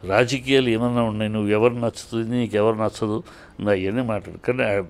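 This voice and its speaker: A man's voice: on the low side, fairly even intonation, fast. A man giving heated spoken commentary in an interview, scolding and indignant, firing off rhetorical questions and often restarting his sentences.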